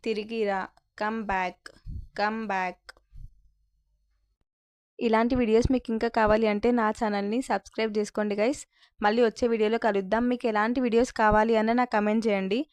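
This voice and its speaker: A woman with a Telugu accent teaching spoken English, saying each short phrase twice, slowly and distinctly. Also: mid-range voice, steady tone, a little mellow, clear, resonant tone, no echo. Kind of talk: slow repeat-after-me phrase drill.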